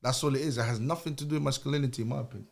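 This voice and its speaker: An emphatic young man talking through his view in a relaxed podcast chat. He circles back to the same phrases, checks that he is understood and breaks into short laughs, at an ordinary mid pitch. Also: rapid-fire, gravelly. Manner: emphatic, repeats himself, laughs between points. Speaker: podcast co-host. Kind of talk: casual debate chat.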